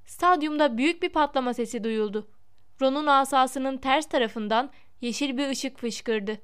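A woman narrating a storybook in a measured, expressive reading. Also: high-pitched, clean tone. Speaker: audiobook narrator.

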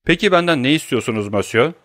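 A man's voice: medium pitch, animated, fast talker, a bit bright, dry recording, studio quality, pitched above the performer's own voice, close to an everyday voice. A man voicing a frightened, indignant banker. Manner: defensive, protesting, agitated. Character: middle-aged banker, frightened yet indignant. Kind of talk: audiobook character reading.

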